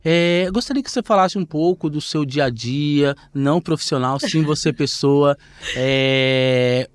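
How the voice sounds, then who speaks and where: A man's voice: on the high side, a little slow, clean tone. A man hosting a podcast, chatting in a friendly way with his guest. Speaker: podcast host. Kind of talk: casual interview chat.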